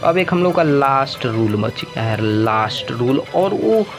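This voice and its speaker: Patient man teaching maths, unhurried and repetitive, with music behind him. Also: mid-range voice, lively intonation. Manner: slow, repetitive, checks in with "samjhe na guys". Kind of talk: chalkboard maths lesson.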